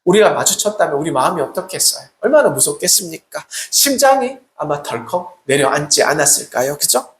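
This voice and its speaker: Sermon, animated pitch, rhetorical questions, acted-out quotes, echoey sanctuary. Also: a little fast, hardly any pauses, slight background noise. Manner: rhetorical questions, acts out quoted prayers and replies. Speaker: Salvation Army officer preaching. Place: church sanctuary. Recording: echoey church room.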